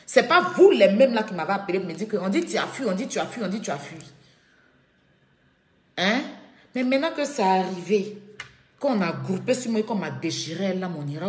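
Woman, livestream monologue, indignant, repetitive, echoey home room, mid pitch. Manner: indignant, repeats her points emphatically. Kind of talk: live video monologue.

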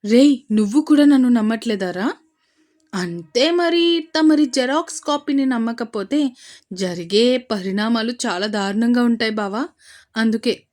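A woman voicing a sheepish young husband who complains in a rapid rush. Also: on the high side, lively intonation, darkish tone. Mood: teasing.

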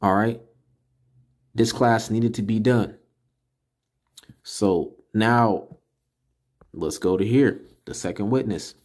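A man with a Californian accent teaching a spoken Hebrew pronunciation lesson, emphatic and repeating syllables slowly. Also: fairly low pitch, darkish tone.

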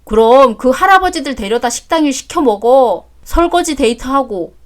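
A woman's voice: high-pitched, expressive, normal speed. A woman voicing an exasperated adult son who answers his mother curtly in a story drama. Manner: curt, exasperated. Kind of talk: story drama read aloud.

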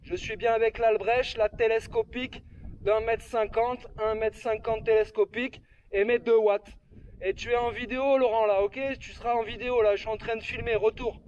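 High-voiced man over a walkie-talkie. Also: little pitch movement, normal speed, darkish tone. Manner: repeats the other operator's name and "QSL" often. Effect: heard over a handheld walkie-talkie radio link. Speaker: amateur radio operator. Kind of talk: ham radio exchange with call signs and signal reports. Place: outdoors on a hilltop. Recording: faint, distant, lo-fi radio transmission.

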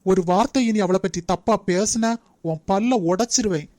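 A woman's voice: mid-range voice, normal speed, darkish tone, dry recording, lightly acted. A woman voicing a stern, protective young man in a cartoon, speaking firmly with a Nagercoil Tamil accent. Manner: firm, commanding. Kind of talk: cartoon voice acting.

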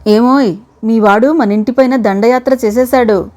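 A woman's voice: a little high, moderate pace, a little mellow, lightly acted. A woman voicing a wry retired man in his sixties in a read-aloud story, speaking in a dry, teasing way.

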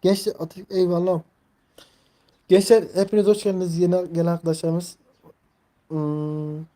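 A man's voice: high voice, flat delivery, moderate pace, mellow. A man in his twenties chatting casually on a live stream, rambling, leaning heavily on fillers and reading viewers' messages aloud. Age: 20s. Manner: rambling, filler-heavy, reads chat aloud.

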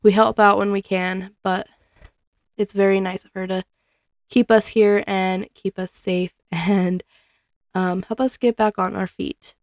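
Folding clothes indoors in her living room, a young woman who vlogs about cleaning talks casually to a fixed camera across the room. Her voice stays at a middle pitch with little movement and a measured pace, broken up by frequent ums and small laughs. There's no room sound at all.

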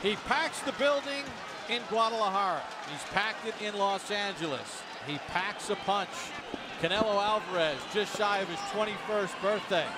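A man delivers broadcast boxing commentary in a high, projected voice. His phrasing is punchy. A very loud, noisy arena crowd fills the background. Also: moderate pace. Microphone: broadcast headset.

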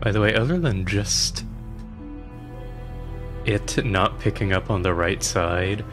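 A man's voice: lowish voice, takes it slowly, music in the background. A man streaming a game, making wry, joking asides in casual commentary, with his voice heard only in the left ear. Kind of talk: casual commentary over gameplay.

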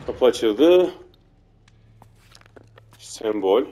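A man casually commenting on his own gameplay, muttering to himself and getting frantic and loud when chased. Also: medium pitch, big pitch swings, very slow, a little hiss or hum. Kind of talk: casual let's play commentary.

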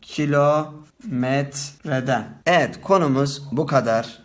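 A male teacher giving a spelling lesson, talking straight to his students and stretching key words slowly for emphasis. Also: on the high side. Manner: addresses viewers directly, lively teacherly tone.

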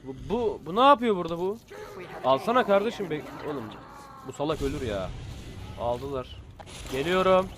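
A young man giving excitable, casual commentary on his own gameplay, muttering one moment and shouting the next. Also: a little high, normal speed, long pauses, noisy background. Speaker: gameplay video host.

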